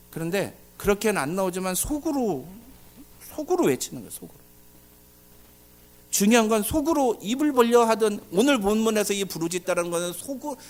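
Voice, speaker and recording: Pastor type, male, high-ish voice that swings wide, preaches with big dramatic bursts. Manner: animated preaching with loud dramatic outbursts; asks the congregation questions. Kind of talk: sermon. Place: church service.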